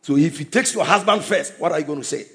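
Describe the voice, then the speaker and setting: A male preacher delivering an emphatic sermon, often shouting and repeating his points. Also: fairly high pitch, fast talker.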